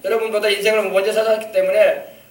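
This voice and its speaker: Pastor addressing kids, lively and questioning; man with very high voice, far from mic. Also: fast talker. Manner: animated, coaxing, asks the children questions. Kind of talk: children's sermon. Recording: echoey church from far off.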